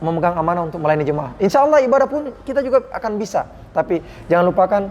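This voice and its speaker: A man's voice: high-pitched, lively intonation, rapid-fire, darkish tone, highs cut off. A man, a doctor on hajj health duty, telling his experiences in an earnest, devout and emotional way during an interview. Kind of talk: interview storytelling.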